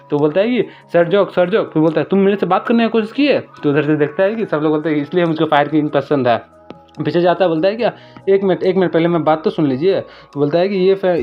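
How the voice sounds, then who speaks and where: A man retelling a comic story in a casual recap, talking rapidly and briefly raising his voice for quoted lines. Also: on the high side. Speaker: manhwa recap narrator. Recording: dull lo-fi voice-over with faint music.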